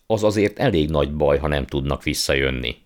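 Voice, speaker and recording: A man's voice: a bass voice, expressive. A man voicing an earnest young boy who protests against his uncle. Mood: indignant.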